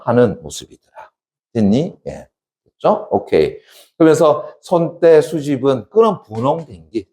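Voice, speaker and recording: A male academy teacher giving an exam-prep literature lecture, constantly asking check questions and answering them himself. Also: a little mellow. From South Korea. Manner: acts out poem lines with sudden high dramatic dialect.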